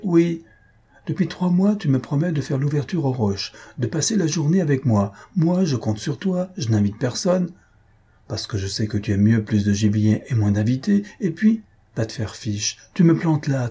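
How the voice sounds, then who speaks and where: A man voicing a lonely, kind country gentleman who grumbles and reproaches his friend. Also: lowish voice, breathy edge.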